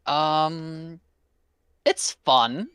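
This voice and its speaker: A man chatting casually with a friend on a stream, rambling and animated, swearing now and then. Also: fairly high pitch, extremely slow, clean tone, dry recording, studio quality. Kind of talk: casual chat.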